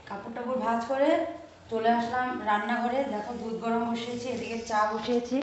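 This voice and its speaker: A woman's voice: fairly high pitch, level tone, fairly quick, slight background noise. A woman in her thirties, a mother of two, chatting casually to viewers as she walks the yard and cooks at home. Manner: chatty, narrating household chores to viewers. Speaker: vlogger, mother of two boys. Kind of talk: casual home vlog chat.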